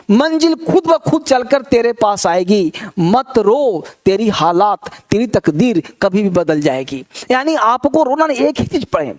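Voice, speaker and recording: A man from India giving an English pronunciation lesson. He drills word lists slowly and deliberately, explaining each rule in plain teacher's talk. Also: very high-pitched, darkish tone. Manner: slow, drawn-out word-by-word drilling.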